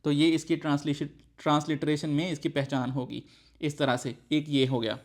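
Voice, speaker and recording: Male language tutor, higher voice, patient and repetitive, demonstrates sounds aloud. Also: level tone. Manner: patient, often checks in with the learner; slowly demonstrates sounds, repeating them aloud. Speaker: Arabic teacher. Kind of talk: recorded language lesson.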